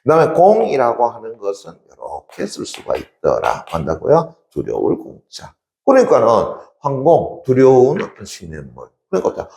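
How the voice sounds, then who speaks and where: A man's voice: mid-range voice, huge pitch swings, normal speed, creaky, a little mellow, echoey room. A man teaching a literature class in a lecture style, asking rhetorical questions and answering them himself.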